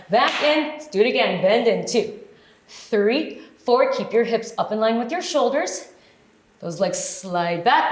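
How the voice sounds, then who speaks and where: A woman working as an aerobics instructor, leading a workout with short, encouraging, directive cues and counted-out moves. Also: on the high side. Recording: echoey, roomy sound.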